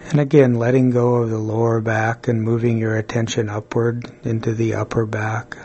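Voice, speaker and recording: A man leading a guided body-scan meditation, speaking calmly and soothingly, with long pauses between short phrases. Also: mid-range voice, breathy edge, highs cut off.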